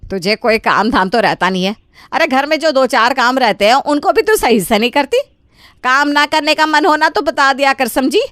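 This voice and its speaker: A woman's voice: fairly high pitch, very animated, normal speed, a bit bright, no room sound, clean studio sound. A woman voicing a middle-aged mother-in-law in a cartoon story, bossy and scolding. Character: middle-aged mother-in-law, easily swayed, sharp-tongued. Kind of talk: Hindi cartoon voice acting.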